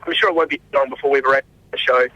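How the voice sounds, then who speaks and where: A man's voice: medium pitch, fairly even intonation, rapid-fire, bright, forceful tone. A man in a casual phone interview, laid-back and rambling, his call breaking up and cutting out. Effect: breaking-up phone line cutting out. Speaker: touring band member interviewed by phone. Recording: dull lo-fi phone line.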